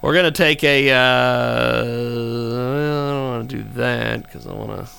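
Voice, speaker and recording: A man's voice: medium pitch, steady tone, slow, creaky, sharp tone, slight background noise. A man hosting a live broadcast show, talking casually and joking sarcastically about technical trouble. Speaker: radio show host.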